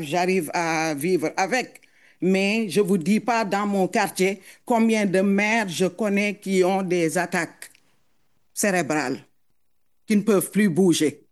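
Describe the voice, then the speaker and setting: Slow, earnest accented woman testifying. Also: mid-range voice. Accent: foreign accent in French. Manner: halting and earnest, repeats words as she searches for them. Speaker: mother giving public testimony. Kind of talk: emotional public testimony.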